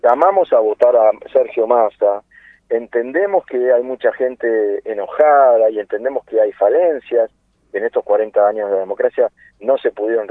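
A man's voice: medium pitch, no room sound. Argentine man around 60 on a phone line. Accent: Argentine Spanish. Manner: earnest, many fillers and rhetorical questions. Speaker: interview guest, political activist. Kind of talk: impassioned political phone interview. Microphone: telephone. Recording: tinny dry phone line.

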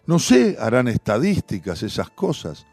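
A man's voice: mid-range voice, wildly swooping pitch, moderate pace, creaky, a little mellow, breathy edge, dry recording, soft background music, full character voice. Male reader as a businesslike young woman, clipped, storybook. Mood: brisk, aloof. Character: brisk young woman census taker, aloof.

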